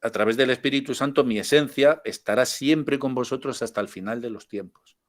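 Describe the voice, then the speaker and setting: An older man, teaching a spiritual class in a chatty, informal way. He tells jokes, laughs easily and drifts into asides. His pitch sits in an ordinary middle range. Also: a little fast.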